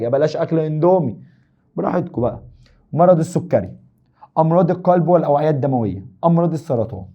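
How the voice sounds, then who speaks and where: Give me a rapid, slightly high Egyptian man teaching a joking exam review. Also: lo-fi sound. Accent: Egyptian Arabic. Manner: joking, teasing students while explaining.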